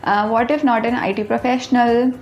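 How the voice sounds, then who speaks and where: A woman's voice: a little high, steady tone, drawn-out words, dull audio, soft background music. A woman, chatting casually in a birthday Q&A vlog and mixing Hindi with English, self-deprecating and talkative. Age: 20s. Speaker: YouTuber answering viewer questions.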